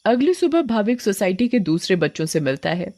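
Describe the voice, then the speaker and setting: A woman narrating an animated horror story in a plain, steady storytelling voice. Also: mid-range voice, a little fast.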